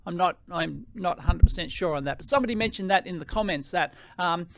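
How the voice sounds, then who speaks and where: An Australian man with a high-pitched voice and rising sentence endings, giving an excitable, casual off-the-cuff gear demo into a close microphone. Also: a little fast, vocal fry, noisy background. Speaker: tech reviewer hosting a gear demo. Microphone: close podcast microphone.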